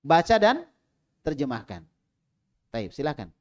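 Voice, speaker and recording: Teaching Arabic in a small prayer room, a man calls on his students one by one and drills them, mixing loud prompts with softer asides. His voice is on the high side, swings widely in pitch, and moves at an unhurried pace.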